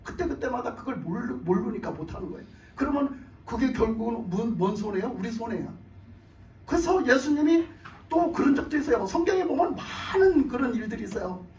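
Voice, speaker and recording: A man's voice: very high-pitched, sing-song, a little fast, a little mellow, highs cut off, slight background noise. A man pastor preaching a sermon, telling stories animatedly and firing off rhetorical questions to his congregation in a church. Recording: echoey church from far off.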